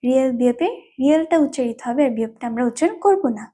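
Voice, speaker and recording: A woman's voice: high voice, expressive, racing, noisy background. A woman teaching a language lesson, patiently explaining rules and repeating each term several times. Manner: repetitive.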